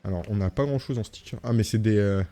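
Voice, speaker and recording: A man's voice: lowish voice, quick pace, mellow. A male streamer chatting casually as he plays a game, reading text aloud and joking. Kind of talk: gaming livestream commentary.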